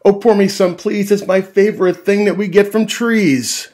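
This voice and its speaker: A man voicing a cheerful, excitable cat in a tall hat, reading in a bouncy, rhyming sing-song. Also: high-pitched, moderate pace. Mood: excited.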